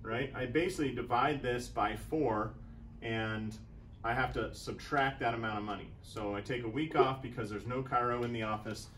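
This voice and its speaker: This chiropractic business coach, a man in his thirties, talks through sums on a whiteboard in a casual business lesson. His medium-pitched voice is steady and a bit bright at a normal speed, recorded on a lapel mic in a small room with slight background noise.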